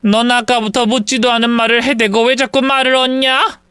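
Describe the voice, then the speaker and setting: A domineering older mother-in-law, put on by a man narrating a spoken story, pitched high and swinging wildly as she scolds and laments her lot. The voice is smooth and clean, recorded dry and close. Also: very animated, unhurried, pushed and bright, no room sound, exaggerated voice. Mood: scolding. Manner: shrill, self-pitying wailing.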